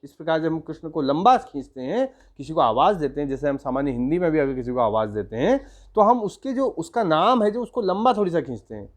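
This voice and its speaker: Slightly high-voiced male grammar teacher. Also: expressive, fairly quick. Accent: Uttarakhand Hindi. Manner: explains step by step, drawing out sounds and chanting examples. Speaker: school teacher. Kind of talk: grammar lesson for school students.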